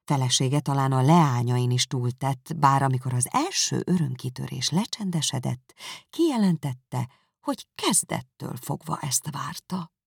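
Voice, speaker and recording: A woman reads a classic novel aloud in a low, gravelly voice. Her delivery is measured but lively in pitch. The recording is close and dry. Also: dry recording. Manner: measured, expressive storytelling. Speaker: audiobook narrator. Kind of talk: literary audiobook narration.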